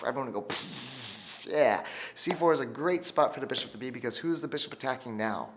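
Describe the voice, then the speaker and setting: A man's voice: medium pitch, lively intonation, a little fast, slight background noise. A man teaching chess through a story, with call-and-response cues for kids. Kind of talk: instructional video for teachers.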